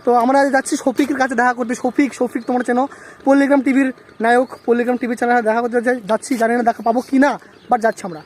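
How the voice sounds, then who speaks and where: A man's voice: very high-pitched, flat delivery, racing, slight background noise. A young man from Bangladesh chatting casually to his viewers in a travel vlog while riding outdoors on a rural road, often checking in with them. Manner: chatty, keeps asking viewers "okay?". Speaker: vlogger.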